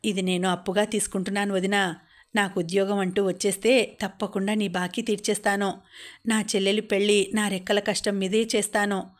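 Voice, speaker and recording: A woman's voice: mid-range voice, close to an everyday voice. A woman reading the lines of a young man who earnestly promises to protect and repay his sister-in-law, in a storybook. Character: young man, grateful protective brother figure.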